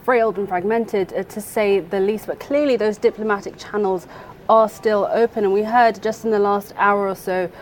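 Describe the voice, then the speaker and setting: A woman correspondent explains the story in a measured, informative way, with a mid-range voice. A faint ambient noise sits behind her. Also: mid-range voice, steady tone. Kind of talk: news report.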